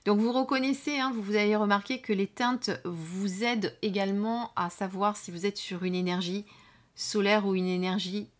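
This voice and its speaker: A woman presenting an oracle deck in a casual review at home. Her voice sits in a middle pitch and is gentle and unhurried, with many small fillers. Lines often trail off to a near whisper. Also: steady tone. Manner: unhurried, with frequent "hein" and "euh" fillers. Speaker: card reading channel host. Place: indoors at home under studio lights.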